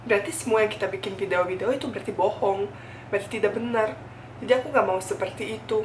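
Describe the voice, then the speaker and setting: A woman's voice: medium pitch, quick pace. A foreign woman from Bosnia, speaking colloquial Indonesian as an in a candid, earnest, emphatic talk to camera, often repeating phrases. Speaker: food YouTuber. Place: indoors at home. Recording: echoey room, distant mic, faint noise.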